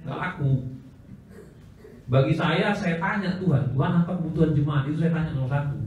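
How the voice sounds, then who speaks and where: A man preaching at a church seminar, telling stories loudly and acting out the voices of the people in them. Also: a little high, brisk, distant mic, a little hiss or hum. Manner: animated, acts out voices of people in his stories; loud, forceful preaching. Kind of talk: storytelling sermon at a church seminar. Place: church hall. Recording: very echoey hall, voice from off-mic.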